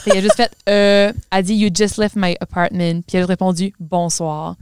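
A woman's voice: medium pitch, level tone, a little fast, a little mellow, smooth, no echo, clean studio sound. A woman with a Québécois French accent, co-hosting a podcast and telling a story in casual chat, mixing English words into her French. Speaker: podcast co-host.

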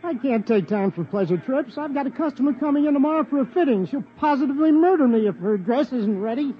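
Fretful little tailor. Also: male voice, extremely high pitch, lively intonation, fast talker. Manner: fretful, pleading. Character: anxious timid little male tailor with bifocals. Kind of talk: 1950s radio drama acting. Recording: dull 1950s radio recording, faint hiss.

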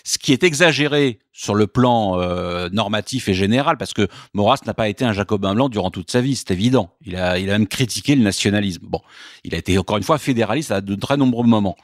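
Measured French-speaking man, dry sound. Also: lowish voice, no echo. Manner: measured, explanatory, with frequent hesitations and repeated words. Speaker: guest author. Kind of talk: in-depth radio interview.

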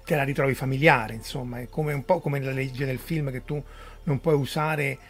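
A man's voice: mid-range voice, steady tone, moderate pace, soft background music. A man hosting a casual chat, asking curious questions with frequent hesitations and restarts.

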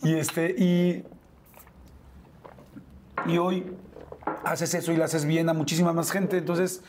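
A man interviewing a guest, speaking in a gentle, reflective way with fillers. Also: a little high, little pitch movement, slow, noisy background. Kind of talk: conversational interview.

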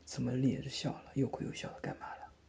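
A man voicing a gentle, doting older brother who comforts and teases softly in a whispered role-play. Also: medium pitch, wildly swooping pitch, quick pace, vocal fry, heavily acted. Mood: soothing. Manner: soft, soothing, coaxing, lightly teasing. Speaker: older brother tending a sister's wound.

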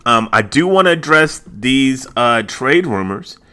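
A man's voice: medium pitch, animated, a little slow, sharp tone, smooth. A man hosting a sports podcast in a casual, colloquial chat, often repeating phrases for emphasis. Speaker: podcast host.

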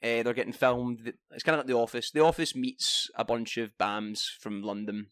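Young Scottish male co-host, animated storyteller, mid pitch, dry mic. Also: moderate pace, no room sound. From Scotland. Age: young adult. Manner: animated storyteller, laughs often, swears casually. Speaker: podcast co-host. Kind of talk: casual chat.

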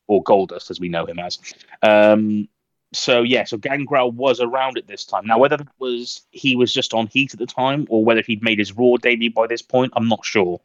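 A man's voice: medium pitch, no echo, muffled recording. A man co-hosting a podcast, telling stories in a chatty, rambling way. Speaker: podcast co-host. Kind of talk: casual chat.

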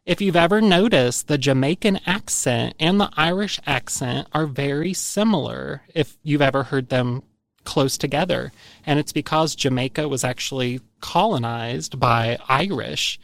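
A man with an Appalachian accent, hosting a podcast in casual, animated chat. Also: medium pitch, measured pace, creaky. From Indiana, United States. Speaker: podcast host.

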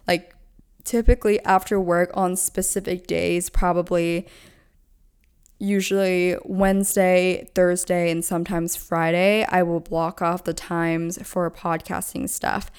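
A young woman with a smooth, clear voice that sits a little low. She talks like an advice vlogger, upbeat and casual, explaining things in a tidy, conversational way. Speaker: podcaster and blogger giving time management advice. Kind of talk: casual advice vlog talk.

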